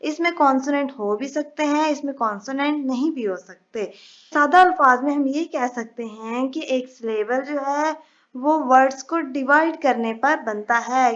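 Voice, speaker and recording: High-voiced woman teaching a slow lesson. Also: a bit bright, muffled recording. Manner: patient, explains step by step, reads English definitions slowly. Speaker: English teacher. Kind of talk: explanatory lesson.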